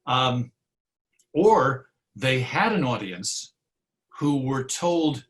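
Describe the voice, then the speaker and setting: A man appears as an interview guest, an old-time radio host and historian who explains history in a reflective, discursive, conversational manner. His voice sits in the mid range, slightly bright, very animated, yet extremely slow.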